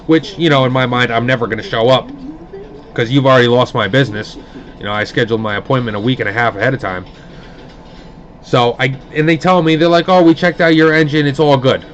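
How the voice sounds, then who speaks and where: A man chats casually on a stream, spinning a long complaint and jumping into other people's voices as he quotes them. His voice sits in an ordinary middle register. The audio is muffled and lo-fi. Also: mid-range voice. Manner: animated, acts out quoted dialogue; indignant, grumbling. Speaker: card break host. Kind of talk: casual storytelling.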